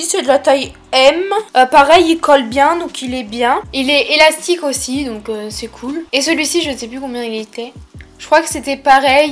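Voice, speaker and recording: Casting: young female haul vlogger, high-pitched, lisping s, informal chatty delivery, faint music underneath. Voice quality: lisp on s sounds. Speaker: vlogger presenting a shopping haul. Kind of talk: casual chatty haul presentation.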